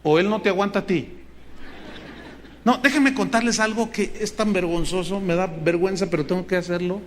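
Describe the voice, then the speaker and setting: Mexican pastor, male, high-pitched preacher, animated and earnest. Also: normal speed, a little hiss or hum. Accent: Mexican Spanish. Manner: earnest, animated storytelling with acted quotes. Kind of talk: sermon. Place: church hall with congregation.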